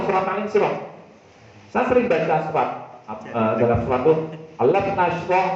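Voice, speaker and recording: A man preaches in a fairly high voice, talking to his listeners and repeating his points for emphasis. The sound is dull and muffled and rings heavily around a large echoey hall. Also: a little hiss or hum. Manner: addresses the listener as "Pak", repeats phrases for emphasis. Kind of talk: Islamic study sermon.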